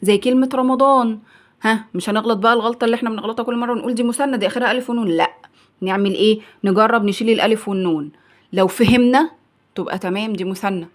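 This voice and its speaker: A young Egyptian woman teaches a primary school grammar lesson at a brisk, rapid clip. She fires off questions and then answers them herself, slipping into the pupil's voice. Her pitch sits in the ordinary middle range for a woman. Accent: Egyptian Arabic. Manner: asks and answers her own questions, acting out the pupil's replies.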